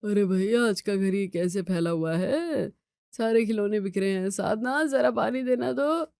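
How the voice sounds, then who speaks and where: A woman's voice: medium pitch, measured pace, creaky, mellow, no echo, studio quality. Woman voicing a tired, placating elder brother.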